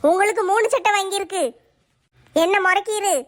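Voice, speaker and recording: A woman's voice: extremely high pitch, fairly even intonation, brisk. A woman voicing a sulky, quarrelsome housewife who nags indignantly. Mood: nagging. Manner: nagging, indignant.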